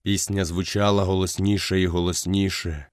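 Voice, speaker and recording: A man reading a storybook aloud as narrator, steady and measured. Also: low-pitched, no room sound, studio quality.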